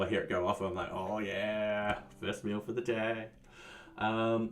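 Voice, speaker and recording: A man with a lowish voice hosts a casual live coding stream, answering chat in an easygoing way that often trails off. He's far from the mic, sounding a bit off-mic, with soft music playing behind him.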